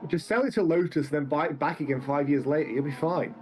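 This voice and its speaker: Young guy doing live sim race commentary, kinda high voice, jokey banter. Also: noisy background. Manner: joking, quick banter between race calls.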